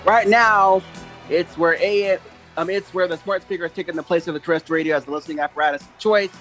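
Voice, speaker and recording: High voiced guy hosting a podcast, upbeat and loose, bit of music under it. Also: steady tone, fast talker, a bit bright. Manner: upbeat, loose, laughs easily. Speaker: host. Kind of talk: casual podcast chat. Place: studio.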